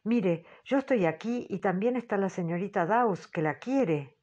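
A woman voicing a young maid who reassures slowly and gently, on a dull, muffled audiobook recording. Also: medium pitch, expressive, close to an everyday voice. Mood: soothing. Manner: slow, reassuring. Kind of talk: audiobook character voice.

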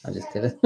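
A woman's voice: low-pitched, gravelly, dark tone, muffled recording. A woman hosting a live coin auction stream, chatting casually and calling out bids with a playful auctioneer patter.

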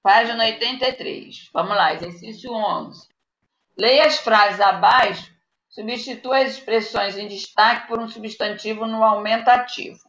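A woman's voice: a little high, measured pace, a bit bright. A woman with a Brazilian Portuguese accent teaching a live online class to young children, dictating patiently and checking in often. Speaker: primary school teacher. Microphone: video call. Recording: echoey, muffled video-call audio.

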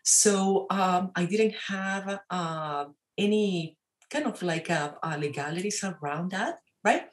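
A Venezuelan-accented woman in her forties, speaking in a slightly low voice over a webcam from an office. She talks in a lively, gesturing way, full of fillers and questions tacked on at the end of her sentences. It is an easygoing interview with no script. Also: slow. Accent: Venezuelan Spanish. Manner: animated, gestures a lot, many tag questions and fillers. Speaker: guest entrepreneur. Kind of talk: casual interview talk. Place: wood-panelled office, indoors. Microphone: webcam on a video call.

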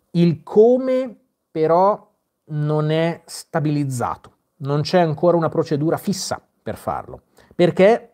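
A man's voice: medium pitch, darkish tone. A man hosting a live Q&A, reading viewer comments aloud and answering them in a casual, chatty way with frequent fillers and restarts. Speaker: host answering viewer questions.

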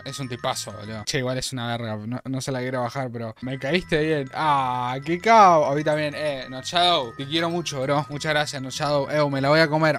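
A young man with an Argentine accent giving casual, profane commentary over his own gameplay, jumping between mumbled asides and sudden excited outbursts. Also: fairly high pitch. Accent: Argentine Spanish. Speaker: gaming YouTuber.

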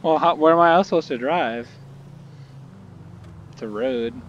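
A man chatting over a gaming headset mic as a server admin, excitable, with loud laughs and rambling restarts. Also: fairly high pitch, measured pace, highs cut off, a little hiss or hum. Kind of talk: casual gaming voice chat.

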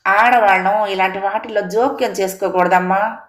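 A woman voicing an elderly mother-in-law who dotes on her sons, speaking slowly and drawn out in a chiding tone. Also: medium pitch, echoey room, pitched above the performer's own voice, close to an everyday voice. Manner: slow, drawn-out, scolding tone.

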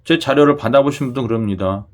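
Talking fast in a mid-range voice, a man in a regional Korean dialect chats with the viewers of his lottery channel. Again and again he checks for their agreement with "그죠?".

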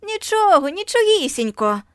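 A woman reading a story aloud, putting on the voices of taunting schoolchildren who shout and jeer. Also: a little slow, no echo, studio quality, full character voice. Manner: shrill, jeering shouts.

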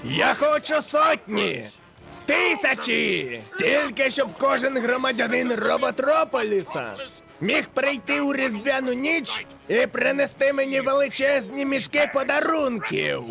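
A man voicing a greedy, villainous male doctor in a Santa role in a cartoon dub, shouting his demands. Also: very high voice, expressive, unhurried, gravelly, over music, exaggerated voice. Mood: greedy demanding.

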